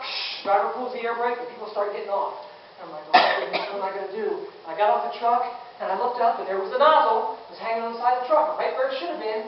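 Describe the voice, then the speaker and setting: A man preaching a sermon, telling a story with animated delivery and acted-out sound effects. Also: sits high, slight background noise. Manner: animated, acts out sound effects and swings loud to quiet. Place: church hall. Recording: echoey church hall, distant dull mic.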